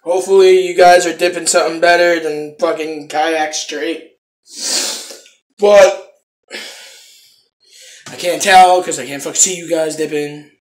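Recorded close up on a phone camera, a young adult man casually reviews a product from a small room at home, cursing often in a laid-back way. His voice sits on the high side and stays steady, a little slow, with long pauses. The recording is reverberant and low quality.

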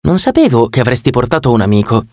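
A man voicing a clever teenage girl who speaks in a brisk, knowing way, for an audiobook. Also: medium pitch, big pitch swings, a little mellow, no room sound, studio quality. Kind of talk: audiobook character voice.

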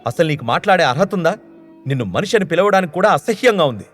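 A man voicing an angry young woman executive who scolds and shouts in a story. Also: fairly high pitch, racing, soft background music, pitched above the performer's own voice. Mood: furious.

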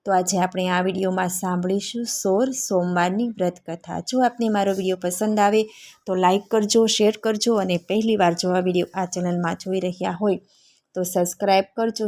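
A woman narrating a devotional fasting tale in a calm, steady reading voice, opening with a chanted prayer. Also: mid-range voice. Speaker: devotional storyteller.

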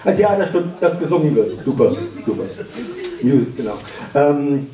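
A man reading his own darkly comic first-person stories at a live event, dry and sarcastic, often breaking into shrill mock-furious rants. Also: sing-song, moderate pace, a crowd in the background. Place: library event hall. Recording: roomy hall, voice far from the mic.

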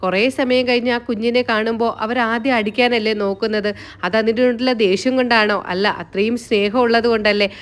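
A woman's voice: on the high side, steady tone, normal speed, close to an everyday voice. A woman voicing a teasing, loving young wife. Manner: playful teasing.

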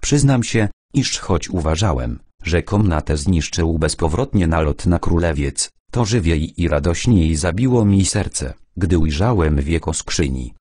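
A man's voice: deep voice, animated, unhurried, few pauses, darkish tone, no echo, clean studio sound. A man voicing a solemn, thoughtful middle-aged male scholar who speaks reflectively in an audiobook.

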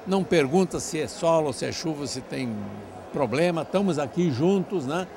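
A man's voice: on the high side, animated, normal speed, a crowd in the background. A man, speaking as an event organizer in a handheld-mic interview, effusive and grateful, talking in long flowing runs. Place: large covered event hall, crowded charity dinner. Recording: noisy event hall.

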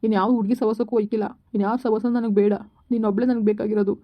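A woman's voice: mid-range voice, level tone, racing, dull audio, close to an everyday voice. A woman playing Arun, a coaxing young husband. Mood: reassuring. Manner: reassuring, coaxing.

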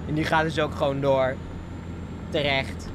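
Excitable streamer. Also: mid-range voice, measured pace, noisy background. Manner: excitable, laughs often, drops English slang. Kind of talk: live gameplay commentary.

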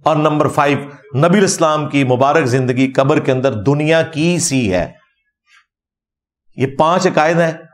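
A man's voice: fairly high pitch, unhurried. A middle-aged man giving an argumentative religious lecture, rebutting critics point by point with emphasis.

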